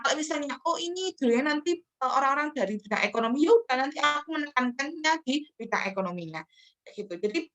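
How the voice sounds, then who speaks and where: A woman's voice: high voice, bright, forceful tone. A young woman giving a casual webinar talk, chatty, with many fillers and restarts. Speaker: webinar speaker on public speaking.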